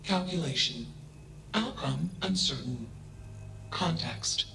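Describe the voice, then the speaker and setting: A man voicing a self-aware male AI machine that speaks in a flat, emotionless way, announcing each statement type in clipped words. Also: a little high, takes it slowly, gravelly, noisy background, heavily acted.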